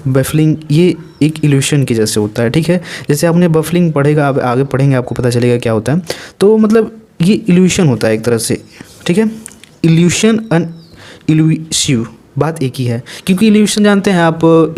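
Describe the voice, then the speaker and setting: Lively man teaching vocabulary. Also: on the high side. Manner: lively and playful, chatty asides with quick laughs. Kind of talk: casual exam-prep lesson.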